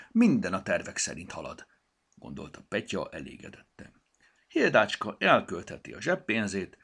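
A man reading a children's audiobook aloud, expressive and storytelling. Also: low-pitched, gravelly, breathy edge. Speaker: narrator.

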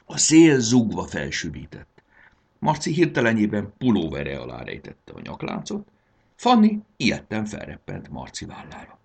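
Gravelly man reading a children's fantasy tale. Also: fairly low pitch. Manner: expressive, dramatic storytelling. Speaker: narrator.

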